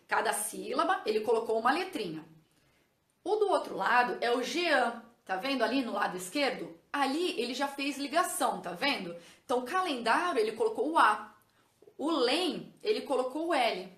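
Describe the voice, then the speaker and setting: A woman teaches a lesson in a high, clear voice. She explains patiently and keeps checking that her viewers follow. The room around her rings with echo. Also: fairly bright tone. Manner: patient, addresses viewers as "gente", checks with "ok?" and "tá vendo?". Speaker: teacher and educational psychologist. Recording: echoey room.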